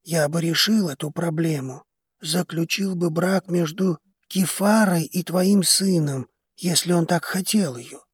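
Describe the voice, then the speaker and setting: A man's voice: a little high, a little slow, slightly rough, dry recording, clean studio sound, voice pushed up. A man playing a stern old head of a noble house who speaks curtly and strictly. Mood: gentle. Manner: stern, curt.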